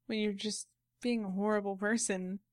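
A woman's voice: medium pitch, level tone, moderate pace, darkish tone, no echo. A woman with a mid-range voice co-hosts a casual chat show, full of jokes and teasing back-and-forth. Her voice sounds close and dry, with no room around it. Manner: jokey, teasing banter. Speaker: podcast co-host.

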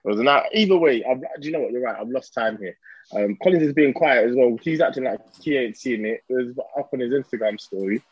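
A man's voice: mid-range voice, lively intonation, fast, husky, no room sound, highs cut off. A man with a London accent hosting a podcast in casual, slangy chat. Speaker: podcast host.

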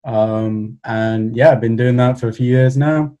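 A young adult man from Cardiff, Wales, speaks in a Cardiff Welsh accent with a medium-pitched, steady, mellow voice and a slightly slow pace. He's a cartoonist appearing as a podcast guest, chatting casually in a hesitant, understated way.

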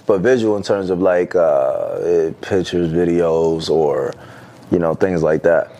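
Male co-host, low-pitched, relaxed, slangy storyteller. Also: unhurried. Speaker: podcast co-host. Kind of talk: casual chat.

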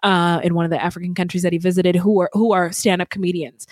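A woman's voice: on the low side, flat delivery, quick pace, no room sound. Woman cohost rambling casually on a podcast, lots of ums, dry mic. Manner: chatty, many fillers and restarts. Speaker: podcast co-host.

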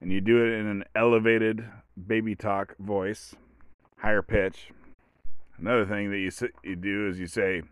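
A man talks alone on his podcast in a loose, wandering way, doubling back and trailing off. His voice sits fairly low. The sound is dry and close, with no room around it. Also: level tone, normal speed, clear, resonant tone, no room sound. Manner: rambling, meandering, with frequent restarts and asides. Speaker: podcast host. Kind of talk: casual solo podcast monologue.

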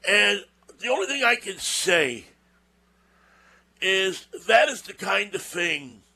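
A man's voice: high voice, very animated, slow pace, bright, forceful tone. A man hosting a show, telling a personal story in a casual, rambling monologue with folksy asides and repeated words. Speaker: show host.

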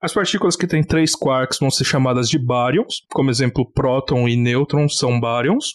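A man's voice: medium pitch, moderate pace. A young man with a Brazilian Portuguese accent, a theoretical physicist co-hosting a casual science podcast, joking, swearing and sounding mock-exasperated.

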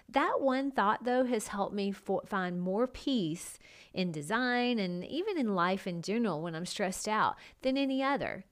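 A woman hosting a solo podcast in a casual, conversational way, speaking straight to her listeners with emphatic points. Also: medium pitch. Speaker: podcast host and design consultant.

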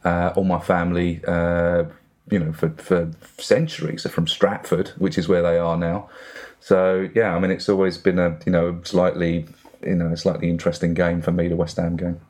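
A man's voice: low voice, flat delivery, moderate pace, a little mellow. A middle-aged man with an Essex accent, chatting casually about football as a fan guest on a podcast. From Essex and east London, England.

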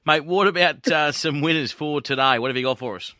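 Bright, matey Australian male radio host. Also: fairly high pitch, brisk, no echo, clean studio sound. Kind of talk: casual radio chat.

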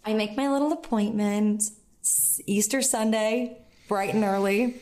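A woman in her twenties, a podcast co-host, telling a story in casual chat, animated and swearing casually. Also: medium pitch, a little slow.

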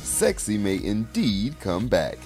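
A man's voice: fairly low pitch, sing-song, takes it slowly. A man presenting entertainment news as a show host with a punchy, showy delivery. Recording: music bed behind voice.

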